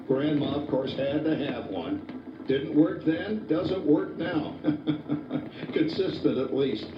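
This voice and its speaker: A man's voice: on the high side, slow pace. An actor playing a cheerful, chatty father who jokes and chuckles about his family, heard from an old VHS tape recording. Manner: chatty, joking, chuckles often. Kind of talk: scripted stage narration. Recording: muffled old VHS tape, echoey hall from far off, music behind.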